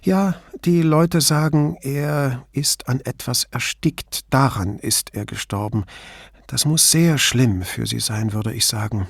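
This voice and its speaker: A man's voice: mid-range voice, takes it slowly, vocal fry, slightly rough, no room sound, studio quality, exaggerated voice. A man voicing an indignant middle-aged female shop assistant in an audiobook, speaking emphatically. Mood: earnest. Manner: emphatic, raised voice.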